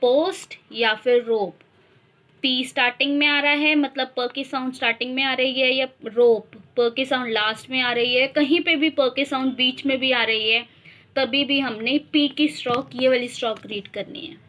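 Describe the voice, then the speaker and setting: A young woman teaching shorthand, slowly repeating each sound and example word to drill it. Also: high-pitched, steady tone, fairly bright tone. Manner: slow, repeats sounds and words to drill them. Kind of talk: instructional explanation.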